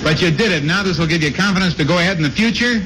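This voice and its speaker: A middle-aged man hosts a radio game show in a jovial, teasing way, firing off quick directions to his guests. His voice sits fairly high for a man. It comes from an old broadcast transcription disc, buried under heavy surface noise. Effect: played from an old broadcast transcription disc. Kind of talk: playful radio show banter before a live audience.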